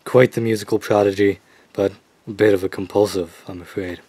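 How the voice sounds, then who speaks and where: A man playing a measured, paternal and condescending asylum doctor in a radio drama. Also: fairly low pitch, steady tone, darkish tone, husky, dry recording. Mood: soothing, measured. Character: male asylum doctor, patronizing, measured, quietly sinister.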